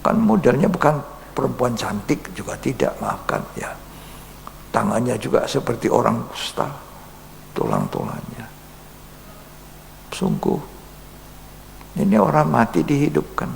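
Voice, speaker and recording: Male pastor, gravelly, earnest storyteller who slips into whispers, long church reverb. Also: medium pitch, expressive, moderate pace, a little hiss or hum. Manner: earnest, acts out dialogue, drops to soft whispers. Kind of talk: sermon storytelling.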